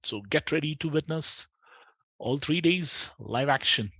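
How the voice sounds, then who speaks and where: A man with an Indian accent commentates live on the markets. His voice sits a little higher than average for a man, and the sound is dry, with no room echo. He speaks conversationally to his viewers and repeats phrases for emphasis. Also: unhurried, bright, forceful tone, slightly rough. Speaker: live trading streamer.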